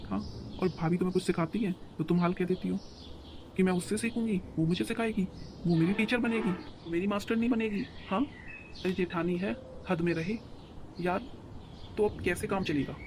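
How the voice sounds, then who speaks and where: Guy doing a fed-up young husband in a cartoon, high fast voice, noisy background. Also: darkish tone. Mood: frustrated. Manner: reasoning, frustrated. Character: exasperated young husband, pleading for peace. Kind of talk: cartoon story voice acting.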